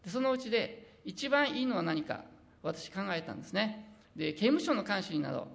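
Middle-aged preacher from Osaka, Osaka accent, gravelly and animated, earnest sermon delivery. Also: mid-range voice. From Osaka, Japan. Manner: earnest, reads scripture slowly, slips into dialect. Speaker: preacher and missionary. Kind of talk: sermon with personal testimony.

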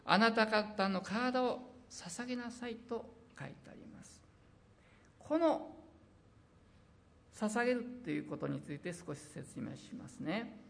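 Gravelly preacher with an Osaka accent. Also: medium pitch, animated, a bit bright. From Osaka, Japan. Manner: earnest, reads scripture slowly, slips into dialect. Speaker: preacher and missionary. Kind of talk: sermon with personal testimony.

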